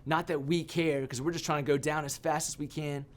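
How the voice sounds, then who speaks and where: Animated man preaching a story sermon. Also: a little high, a little fast. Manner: animated storyteller, self-mocking humor. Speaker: youth pastor.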